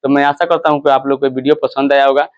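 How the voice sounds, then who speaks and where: A man's voice: mid-range voice, flat delivery, fast, clean tone, dull audio. A man who teaches a school story, often asking his listeners questions and then answering them himself.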